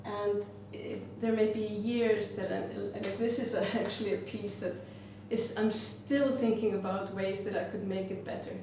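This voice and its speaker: Speaking at a measured pace with few pauses, an Icelandic woman describes her glass art in a reflective manner, sometimes halting to look for words. Her voice is mid-range and even in tone. The audio sounds distant and very roomy, with background noise.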